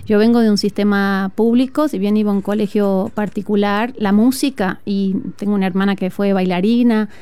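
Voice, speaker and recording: A smooth, mellow-voiced music teacher and flutist from Tucumán, northern Argentina, speaks with an Argentine Spanish accent as an interview guest in an outdoor school courtyard. Her mid-range voice is steady and brisk with hardly any pauses, earnest and reflective, with frequent "eh" fillers. The recording is dry.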